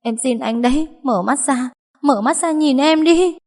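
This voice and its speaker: A woman's voice: unhurried, darkish tone. A woman voicing a young woman crying out and pleading over her injured husband in an audio story. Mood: desperate pleading. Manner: shrill pleading cries. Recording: long hall reverb.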